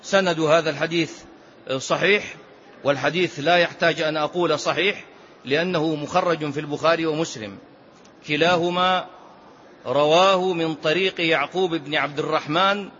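Man teaching a religious lesson, high pitched, keeps asking listeners "ha?", slightly muffled lo-fi sound. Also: steady tone, normal speed, a bit bright. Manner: explanatory, asks rhetorical "ha?" of listeners. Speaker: sheikh teaching a hadith book. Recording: slightly dull lo-fi recording.

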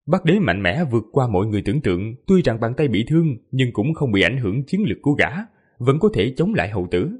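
Husky male fantasy audiobook narrator. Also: medium pitch, sing-song, quick pace, darkish tone. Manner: vivid, emphatic storytelling. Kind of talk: dramatic fantasy novel narration.

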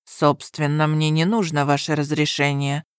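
Low cold commander guy, a woman reading him, flat and bossy, dry close sound. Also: normal speed, no room sound, natural voice. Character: stern suspicious young male guard commander. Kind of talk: audiobook character reading.

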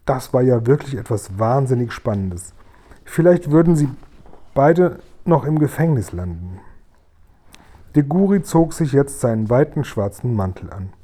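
A man reads a children's book aloud in a mellow, warm voice. His storytelling is lively and expressive, at a middle pitch. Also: measured pace. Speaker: reader.

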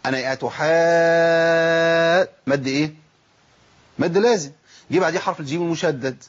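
Fast-talking Egyptian tajweed teacher. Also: male voice, a little high, husky, highs cut off. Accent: Egyptian Arabic. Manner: fast, animated teaching with self-asked questions and demonstrations. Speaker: Quran recitation teacher. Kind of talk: tajweed lesson.

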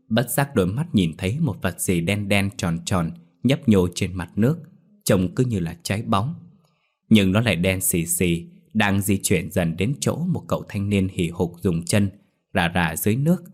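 A man narrating a ghost story in a lively, expressive storybook manner. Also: low-pitched.

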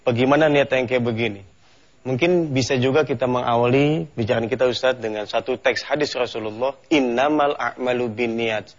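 A man's voice: mid-range voice, a little fast. A man hosting a religious TV program, opening formally and then bantering casually. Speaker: TV program host. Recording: dull lo-fi TV broadcast sound.

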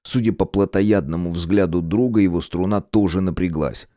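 A man narrating an audiobook in the first person, wry and expressive. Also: sits low, moderate pace, no echo, studio quality.

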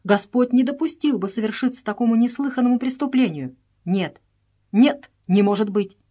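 A woman's voice: fairly high pitch, lively intonation, normal speed, warm tone, pitched above the performer's own voice. A woman reading aloud and voicing a frightened young man who pleads with his brother in a trembling voice. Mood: frantic.

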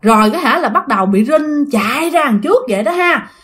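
A woman's voice: sits high, fairly quick. A woman narrating a ghost story and talking directly to her listeners. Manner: animated, addresses listeners directly.

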